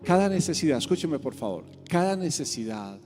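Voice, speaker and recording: A man preaching a sermon as pastor, swinging between quiet asides and loud repeated calls. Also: sing-song, fairly quick, faint music behind. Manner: preaching with big swings in pitch and volume, repeating key words. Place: church sanctuary. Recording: church hall reverb with soft instrument behind.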